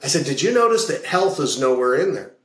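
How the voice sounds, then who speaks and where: A man's voice: on the high side, sing-song, fairly quick, echoey room, poor audio. A man being interviewed as a values coach, explaining ideas through long stories and repeating key phrases. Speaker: guest, hypnotist and values coach. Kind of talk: casual interview talk with anecdotes.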